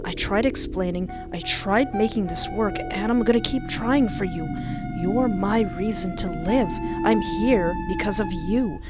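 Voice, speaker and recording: A woman's voice: mid-range voice, big pitch swings, unhurried. A woman reads as an obsessive man stalking the one he loves in a video game. He pleads earnestly and insistently, with menace in his devotion and music behind him. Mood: pleading, obsessive.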